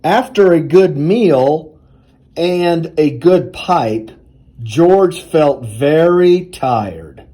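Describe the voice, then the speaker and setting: A man reading a children's storybook aloud in a deliberate, expressive storytelling manner. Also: a little high. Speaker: university athletics director reading aloud.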